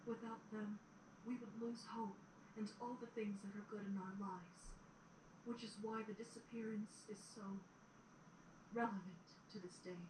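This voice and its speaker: A woman voicing a regal, motherly pony princess who mentors in a measured, formal way in an audio drama. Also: mid-range voice, steady tone, lightly acted. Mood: solemn. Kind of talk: fan audio drama acting. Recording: roomy, distant, noisy playback of audio drama.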